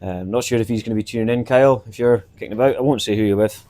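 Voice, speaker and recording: A man's voice: lowish voice, racing, warm tone, no echo. A man hosting a casual chat, rambling with plenty of fillers. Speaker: host.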